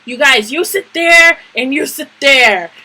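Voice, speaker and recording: A woman voicing a stern female vice principal who snaps short orders in a sharp voice. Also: high voice, measured pace, voice pushed up, full character voice. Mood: bossy. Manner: sharp, barking commands.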